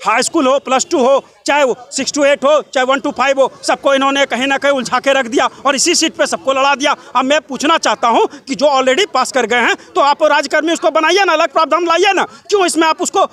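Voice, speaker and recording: A young man with a Bihari accent giving an impassioned interview in a breathless, run-on, forceful way, piling up clauses, repetitions and rhetorical questions. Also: very high-pitched, brisk, hardly any pauses. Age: young adult. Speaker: job candidate and protester being interviewed.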